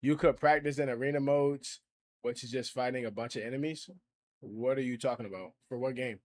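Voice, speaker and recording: A man in his twenties hosts a late-night livestream, talking loosely in street slang at an average pitch. He reads viewer comments aloud and answers them in an offhand, chatty way. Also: steady tone, brisk, darkish tone. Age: 20s. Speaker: streamer. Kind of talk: casual livestream chat.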